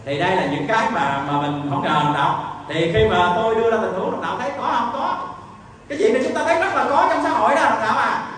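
A man's voice: very high voice, expressive, fast, a bit bright, a little hiss or hum. Man preaching, Southern Vietnamese accent, emphatic storytelling, far from the mic, long hall echo. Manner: storytelling with acted-out dialogue, emphatic. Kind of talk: sermon. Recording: echoey hall, distant mic.

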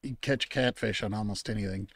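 This gaming-channel host has a fairly low, fairly bright voice with a breathy edge, speaks fairly quickly, and there's no room sound. He's easygoing and chatty, muttering to himself about what he's playing and pretending to be outraged at the in-game animals, all in a loose let's-play style.

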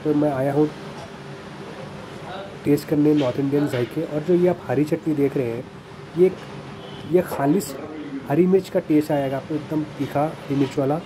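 A man's voice: a little high, normal speed, pauses often, a crowd in the background. A man narrating a casual food review in a small café, chatty and enthusiastic, with some hesitant fillers. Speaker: food vlogger. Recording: noisy café background.

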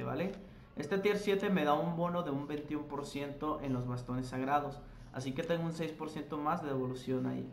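A man hosting a casual gameplay tutorial, chatting to his viewers and correcting himself as he explains. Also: a little high. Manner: chatty, addresses viewers as "chicos", self-corrects while explaining. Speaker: gaming tutorial host. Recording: echoey room with faint noise.

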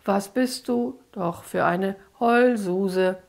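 A woman voicing a cruel male demonic alter who speaks in a dark, staccato, mocking tone of command. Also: medium pitch, slow pace, creaky. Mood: menacing.

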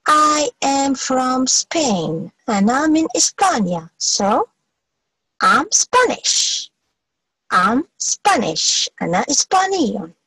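A high-pitched woman with a lively, rising and falling voice teaches a beginners' English lesson. Her tone is slightly husky, and the recording sounds dry and close. She says each phrase slowly, repeats it, then translates it. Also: no room sound, poor audio. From Algeria. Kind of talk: bilingual English lesson, slow model phrases.

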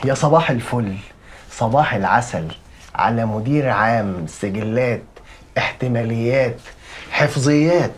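An actor with an Egyptian accent playing a fretful, flattering young man who panics easily. He talks in a whiny, fawning way. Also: normal speed, slight background noise, lightly acted. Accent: Egyptian Arabic. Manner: whiny and fawning, swings in pitch.

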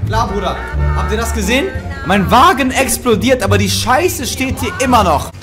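With game music blaring behind him, a gaming YouTuber in his twenties rants and swears as he plays for viewers. He uses a studio mic on an arm and headphones in a small room at home, and his voice sits high at a normal pace.

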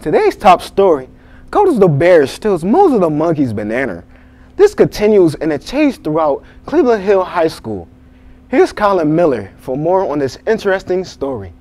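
A man's voice: a little high, wildly swooping pitch, moderate pace, darkish tone. A young man playing an evening news anchor in a homemade comedy spoof, reading headlines with mock seriousness. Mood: formal. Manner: mock-serious newsreader delivery. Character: amateur evening news anchor, stiff and formal.

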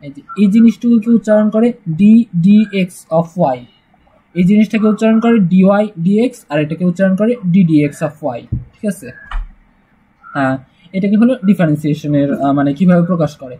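A man's voice: sits high, a little fast, slightly rough, dull audio. A man teaching a casual math lesson, chatty and joking, with frequent "uh" fillers. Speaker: math tutor.

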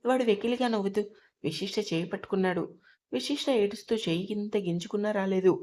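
A woman reading an audiobook love story aloud in a steady, even narrating voice. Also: medium pitch, fast talker.

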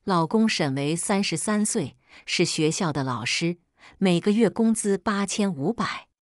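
A woman reading a family drama story aloud as narrator in an even storytelling manner. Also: fairly low pitch, a little slow, no echo, studio quality.

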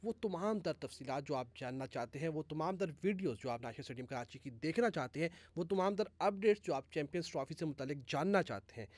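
Male sports reporter, slightly high voice. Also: expressive, dry recording. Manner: many drawn-out "aa" fillers between phrases. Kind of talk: on-site news report.

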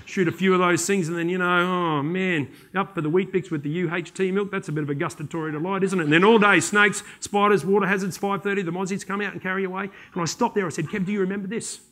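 High, bright Australian man telling stories. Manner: animated, joking, slips into quick voices for people in his stories. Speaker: conference keynote speaker. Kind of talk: comic storytelling talk to an audience.

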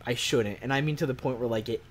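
Animated young man ranting on a podcast. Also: medium pitch, fast talker. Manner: animated, worked-up ranting with lots of "like". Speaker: podcast co-host. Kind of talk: casual chat.

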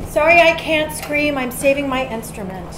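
A woman's voice: sits high, animated, normal speed. An actress on stage playing a vain, bossy woman who scolds her staff. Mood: haughty. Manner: haughty, scolding. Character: bossy, vain adult woman party manager. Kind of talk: stage musical acting. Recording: echoey stage with audience noise.

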